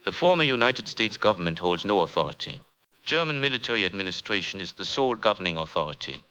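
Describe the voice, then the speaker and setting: A cold male announcer for an occupying military authority, as a man acts him out, reading orders in a clipped, authoritarian manner. He speaks rapidly in a lowish voice with a bright, hard edge. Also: sing-song, clear, resonant tone. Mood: cold, commanding. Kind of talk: official radio announcement.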